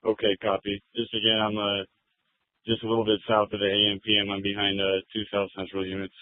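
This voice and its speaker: A man's voice: lowish voice, monotone, fairly quick. A male police officer talking in clipped, informal procedure over police radio on a narrowband scanner feed.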